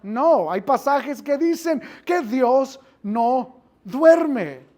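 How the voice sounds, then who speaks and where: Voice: sits high, animated, extremely slow, a little mellow. A Bible teacher giving an interactive class, quizzing the listeners, repeating phrases and dropping in English filler words.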